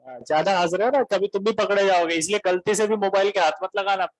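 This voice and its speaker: A man's voice: high voice, quick pace, low-quality recording. A male coaching teacher giving a classroom lecture, joking with and teasing his students as he explains.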